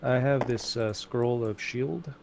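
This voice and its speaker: A man's voice: medium pitch, slow, vocal fry, background noise. A man playing a tabletop game, chatting casually with tentative, hesitant phrasing.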